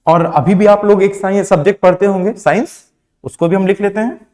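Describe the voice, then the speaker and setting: A man's voice: sits high, steady tone, a little fast, a little mellow. A young man from India teaching pronunciation in a classroom lesson, asking questions and answering them himself. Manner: asks questions then answers them himself, mixing Hindi and English.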